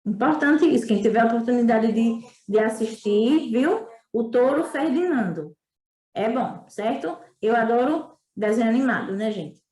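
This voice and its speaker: A woman's voice: a little high, animated, moderate pace, darkish tone. A Brazilian woman teacher with a northeastern accent, giving a remote lesson on textbook exercises in a chatty, encouraging way and often checking in with her pupils. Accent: Brazilian Portuguese, northeastern. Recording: echoey room.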